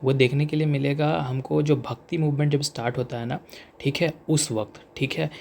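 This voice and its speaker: A young man with an Indian accent giving a casual exam-prep lecture, chatty and repetitive, reading English lines slowly. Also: fairly high pitch, fairly even intonation, gravelly, a little mellow, a little hiss or hum. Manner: chatty, repeats "theek hai", reads English slowly. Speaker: exam coaching teacher.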